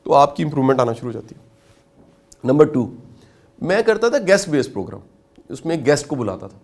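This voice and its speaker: This is an energetic motivational lecture by a middle-aged man from Pakistan, whose voice sits in the middle range and who keeps questioning his listeners.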